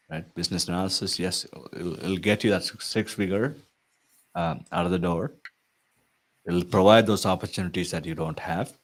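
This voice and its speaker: A man working as an IT consulting coach, talking earnestly and persuasively to viewers, often tagging sentences with "right?". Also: sits low. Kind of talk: promotional talk to viewers.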